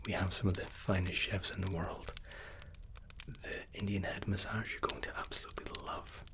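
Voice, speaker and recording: A man doing an ASMR role-play, speaking in a soft, unhurried, courteous whisper as hotel and spa staff. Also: low voice, little pitch movement.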